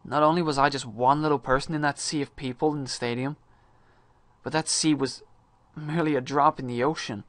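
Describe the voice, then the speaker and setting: A man performing a dramatic monologue as an earnest, disillusioned high-school student, with hammy stage-actor pauses and swells. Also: fairly even intonation, fairly bright tone, dry recording, natural voice. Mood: disillusioned, brooding.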